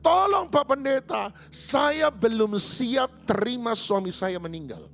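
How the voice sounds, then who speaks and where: A man voicing a desperate grieving village widow, wailing and pleading in sobbing shouts. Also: very high voice, sing-song, slow pace, soft background music, exaggerated voice.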